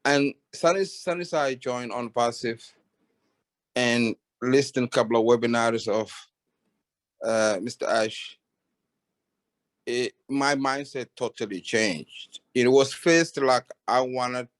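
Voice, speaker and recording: A man from Somalia giving a halting personal testimony on a video call, with many restarts and fillers. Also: medium pitch. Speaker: webinar participant. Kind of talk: casual testimony.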